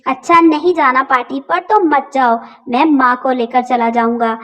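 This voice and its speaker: A woman's voice: high voice, fairly even intonation, moderate pace, fairly bright tone. A woman playing a fed-up young husband. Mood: angry. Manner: exasperated, scolding.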